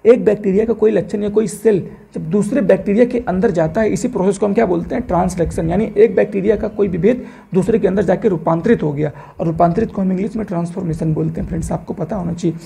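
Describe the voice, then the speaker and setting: A man's voice: sits high, fast talker, vocal fry, mellow, a little hiss or hum. A man giving an exam-prep biology lecture to students, repeating key terms and asking the class questions, then answering them himself. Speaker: teacher.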